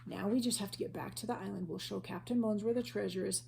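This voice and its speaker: A woman's voice: medium pitch, steady tone, creaky, dark tone, a little hiss or hum. A woman voicing an eager, bold young girl in a children's adventure story. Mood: eager, urgent. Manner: eager, quick and insistent.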